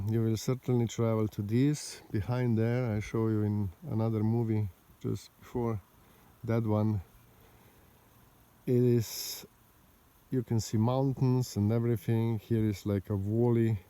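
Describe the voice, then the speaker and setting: A man with a mellow, darker tone addresses his viewers unhurriedly from outdoors above a valley. He rambles and argues with indignation, drifting between points. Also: on the low side, level tone, unhurried, smooth. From Slovenia. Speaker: vlogger. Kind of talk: casual monologue to camera. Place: outdoors overlooking a mountain valley road.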